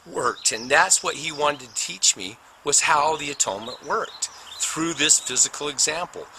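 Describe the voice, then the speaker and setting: A middle-aged man telling his own near-death story as a personal testimony, animated and dramatic, with spoken sound effects. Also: fairly high pitch, moderate pace. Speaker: speaker recounting a near-death experience. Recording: noticeable background noise.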